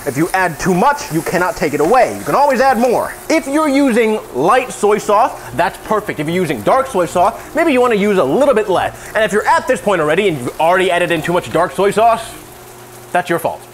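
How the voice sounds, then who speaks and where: Cooking in his home kitchen, a drunk video host gives a rambling, casual tutorial full of joking, self-deprecating asides. He speaks fairly quickly in a high voice with big pitch swings, while a pan sizzles among the kitchen noise.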